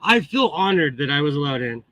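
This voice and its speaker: A man's voice: fairly high pitch, big pitch swings, fairly quick, a bit bright, dry recording. A man chatting casually as a livestream host, exclamatory and chatty, with a tinny, metallic microphone sound. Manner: chatty, exclamatory, greets viewers. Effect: tinny, metallic tin-can microphone sound. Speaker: livestream host, sewing hobbyist.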